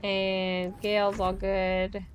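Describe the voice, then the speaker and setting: A woman's voice: mid-range voice, monotone, very slow, a crowd in the background. A woman streaming a game, chatting casually and thinking aloud while she plays, with frequent laughs. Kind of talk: casual gameplay commentary.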